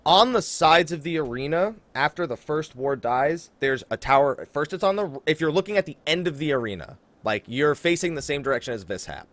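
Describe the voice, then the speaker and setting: This gaming podcast host has a slightly high, somewhat bright voice and talks a little fast with few pauses, no echo. His casual show is animated and emphatic as he hypes things up, addressing listeners directly.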